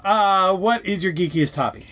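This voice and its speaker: A man's voice: high-pitched, moderate pace, fairly bright tone. A man on a casual podcast who offers his opinions bluntly. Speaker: podcast co-host.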